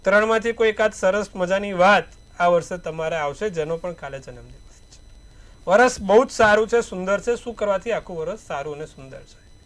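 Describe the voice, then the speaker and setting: A man with a high voice gives a daily horoscope and tarot reading. He advises in repetitive, proverb-like phrases. His loudness rises and falls, with emphatic bursts on key words. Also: fairly quick. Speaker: astrologer.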